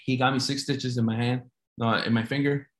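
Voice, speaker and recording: A man's voice: medium pitch, steady tone, brisk. Rambling man in an echoey room. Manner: rambling, lots of "like" and restarts. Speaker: storyteller recounting an injury. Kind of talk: casual storytelling.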